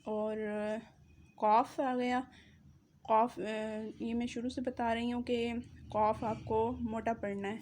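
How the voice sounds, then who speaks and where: A woman teaches reading by slowly sounding out each syllable with careful emphasis. Her voice sits a little high and stays quite flat in melody. A faint hiss runs under the recording. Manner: drawn-out, emphatic pronunciation drills.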